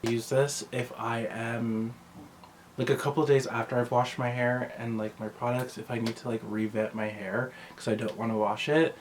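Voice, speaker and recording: A man with a medium-pitched voice chats casually to camera in a vlog about his personal routine, at a moderate pace with little pitch movement. He rambles conversationally and often interrupts himself, with slight background noise.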